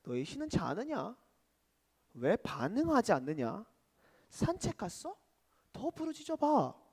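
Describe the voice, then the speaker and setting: Preacher playing a scornful prophet, teasing, voice rising and dipping, echoey hall. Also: male voice, high voice, big pitch swings, measured pace, darkish tone, voice pushed down, exaggerated voice. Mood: mocking. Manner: taunting, sarcastic. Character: prophet mocking false gods, sarcastic man.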